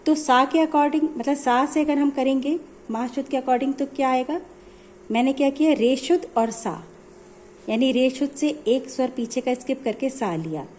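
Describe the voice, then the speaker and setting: A woman's voice: high voice, normal speed, darkish tone, a little hiss or hum. A woman music teacher explaining notes step by step in a patient, repetitive way. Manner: patient, explanatory, repeats points.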